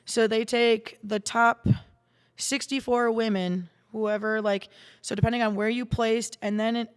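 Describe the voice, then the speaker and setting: A woman's voice: a little high, fairly even intonation, unhurried, clear, resonant tone, big-room sound. A woman guest in a podcast studio telling stories in casual chat, rambling with many restarts and fillers. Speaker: guest, salon owner and darts player.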